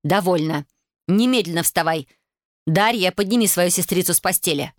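Stern middle-aged mother, read by a woman; low, firm, dry. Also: moderate pace, no room sound, close to an everyday voice. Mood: scolding. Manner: scolding, commanding.

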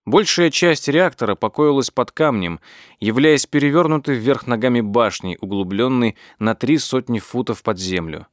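A man reading an audiobook as its narrator, telling the story in a measured, even way. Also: medium pitch, no echo, studio quality. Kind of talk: scripted narration.

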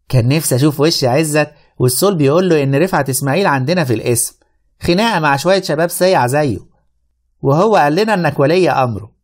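A man with an Egyptian accent narrating a radio drama in the first person, with wry, lively storytelling. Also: fairly high pitch.

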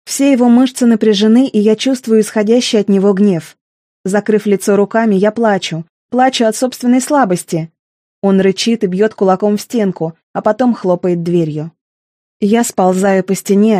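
Woman narrator for a first-person audiobook; intimate, emotional read, mellow tone, dry. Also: medium pitch, no echo.

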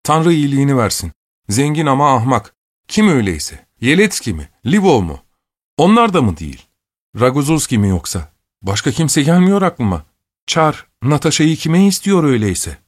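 A man's voice: on the low side, normal speed, no room sound, clean studio sound, close to an everyday voice. A man voicing an elderly, pious, talkative aunt who exclaims and pleads in an audiobook. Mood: agitated. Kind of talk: audiobook character voice.

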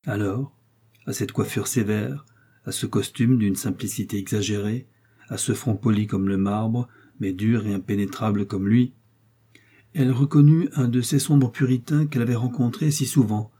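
A man narrating an audiobook in a steady, measured reading. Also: lowish voice, breathy edge. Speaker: audiobook reader.

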